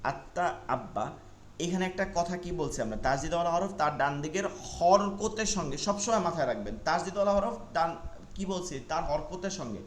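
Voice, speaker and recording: Male teacher, slightly high voice; patient, repetitive online lesson delivery in a roomy space. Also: animated, slight background noise. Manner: patient, repeats rules and spells letters slowly. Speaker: Quran reading teacher.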